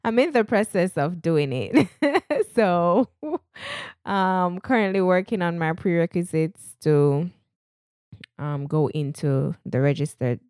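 A woman's voice: on the low side, lively intonation, slow pace, darkish tone, clear, resonant tone, dry recording, studio quality. A woman with a Jamaican accent chatting casually as a podcast co-host. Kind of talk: casual chat, self-introduction.

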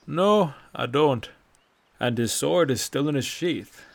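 A man's voice: mid-range voice, lively intonation, takes it slowly, vocal fry, pitched above the performer's own voice. A man voicing a sardonic old male Nord traveler with a dry, lecturing manner, in a read-aloud fantasy story. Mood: wry. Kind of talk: audiobook character voice.

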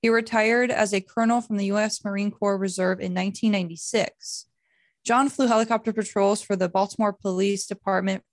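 A woman's voice: mid-range voice, no room sound. A woman co-hosting a podcast, introducing and interviewing a guest. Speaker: podcast co-host.

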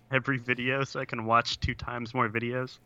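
Over a breaking-up computer video call with lo-fi sound and no echo, a young podcast co-host rambles through casual chat, saying "like" and "uh" constantly. His mid-range voice is clear, resonant, pushed and bright, delivered flatly at normal speed.

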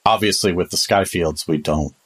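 A man runs a tabletop role-playing game as game master. His voice is extremely deep with a husky grain, and he explains the world and its characters in improvised narration. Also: normal speed, fairly bright tone.

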